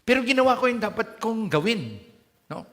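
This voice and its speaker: In a church hall full of long reverb, a Filipino-accented man delivers a sermon in a mix of Tagalog and English, putting questions to the congregation. His voice is very high-pitched, very animated, a bit bright, and fairly quick.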